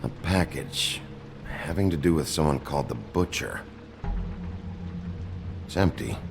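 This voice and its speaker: An actor playing a gruff, suspicious wolf detective in a video game, terse and dry with a gravelly voice. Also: male voice, a bass voice, animated, unhurried, full character voice. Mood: dry, probing. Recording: music behind the voice.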